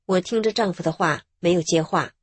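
A woman calmly narrating her own story in a measured, scripted radio reading. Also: on the low side, breathy edge, no room sound.

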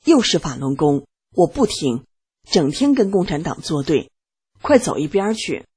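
Woman reading the part of a gruff man, brusque and loud, husky, lively pitch, dry sound. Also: moderate pace, full character voice. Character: gruff sunburnt man, hostile then softening.

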